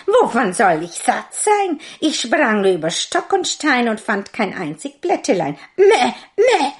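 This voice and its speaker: A woman's voice: fairly high pitch, huge pitch swings, slow pace, voice pushed up, full character voice. A woman voicing a spiteful, lying goat in a storybook, with a bleating, mocking sing-song. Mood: taunting. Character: spiteful lying nanny goat, fairy-tale animal.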